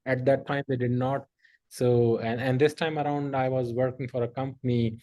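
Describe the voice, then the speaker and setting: A middle-aged podcast host tells stories in a casual, rambling way, packed with fillers and lots of laughter. His voice is mellow and mid-range, with little pitch movement and a normal speed.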